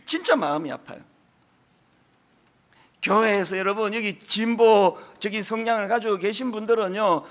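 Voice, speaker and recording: A middle-aged man with a strong Gyeongsang accent, preaching a Sunday sermon as senior pastor in an emphatic way, with folksy asides. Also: sits high. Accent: Gyeongsang Korean. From Gyeongsang region, South Korea. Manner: emphatic, rising to forceful peaks, folksy asides.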